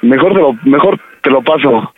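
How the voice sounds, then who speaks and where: A man's voice: mid-range voice, lively intonation, normal speed, narrow, tinny audio. Stammering man pleading on a prank call. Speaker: radio prank caller. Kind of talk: prank call, playing a nervous son. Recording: radio broadcast with music behind.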